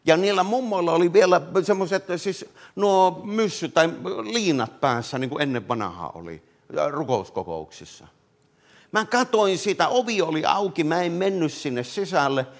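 A man preaching a fervent revivalist sermon, swinging from loud calls to hushed words and often addressing listeners directly. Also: on the high side, animated. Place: meeting hall.

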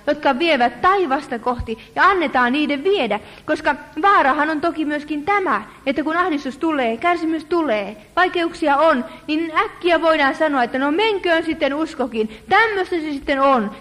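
A woman with a high voice delivers an earnest sermon in a church hall. She calls her listeners friends and draws her words out to stress them. A long, ringing reverb trails after every phrase. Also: animated, a bit bright. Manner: earnest, addresses listeners as friends, slows for emphasis. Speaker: preacher.

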